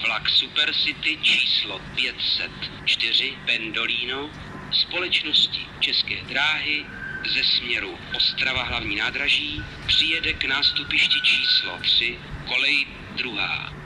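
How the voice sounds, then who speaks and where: A man making formal, measured, pre-recorded railway announcements in segmented phrases over a station public address system. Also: medium pitch, wildly swooping pitch. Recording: noisy station loudspeaker recording.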